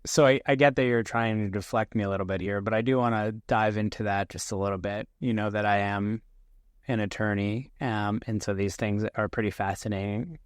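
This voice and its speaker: A man's voice: fairly low pitch, fairly even intonation, fairly quick, clear, resonant tone, no room sound, studio quality. A man hosting a podcast, curious and probing, who asks questions with hesitant restarts in a casual chat. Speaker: podcast host.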